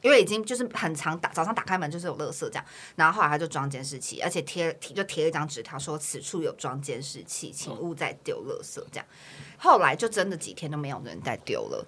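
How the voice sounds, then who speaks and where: A woman's voice: sits low, fast. A woman co-hosting a podcast, telling stories in casual chat. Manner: chatty, animated storyteller. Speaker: podcast co-host.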